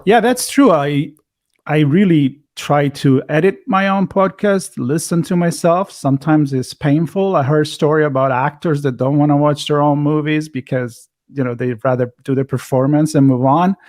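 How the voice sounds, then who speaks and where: An Italian podcast host with an accent chats casually in a conversational interview, musing and phrasing things loosely. His voice is a little high with a darkish tone at normal speed, recorded at studio quality without echo.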